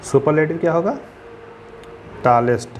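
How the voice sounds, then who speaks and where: A man's voice: a little high, expressive, moderate pace, slight background noise. A man teaching a grammar lesson. He asks questions and answers them himself, and he spells words out letter by letter.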